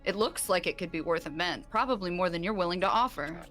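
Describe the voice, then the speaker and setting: A woman playing in a tabletop game who presses with questions and laughs easily. Her voice sits lower than most women's. Faint music runs underneath. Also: lively intonation, fairly bright tone. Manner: probing, questioning, quick to laugh. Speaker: player. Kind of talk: casual in-character play.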